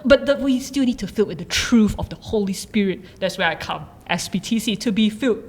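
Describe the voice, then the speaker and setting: A woman's voice: mid-range voice, animated, fairly quick. A woman chatting casually on a podcast about being a Bible college student, laughing often and restarting her sentences. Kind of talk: casual chat.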